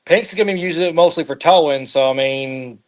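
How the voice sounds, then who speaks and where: A man on a video call, calmly giving practical advice in a casual chat. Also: a little high, brisk, poor audio. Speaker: guest on the call.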